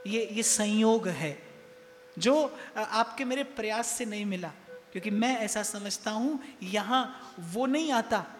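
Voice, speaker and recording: A man giving a devotional sermon in a temple hall, speaking emphatically and repeating phrases for effect. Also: sits high. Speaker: spiritual discourse speaker. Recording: long hall reverb, faint music behind.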